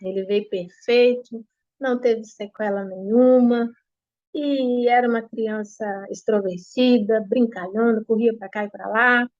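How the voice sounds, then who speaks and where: Woman, Brazilian Portuguese accent, personal testimony, emotional, halting, repetitive, dry close sound, slightly lo-fi. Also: fairly high pitch, steady tone, darkish tone, no echo. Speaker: interviewee giving testimony. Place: apartment at home.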